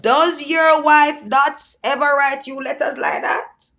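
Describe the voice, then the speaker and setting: A man's voice: very high-pitched, slow, creaky, pitched above the performer's own voice, full character voice. A woman reading as a boisterous laughing man. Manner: loud, laughing, teasing.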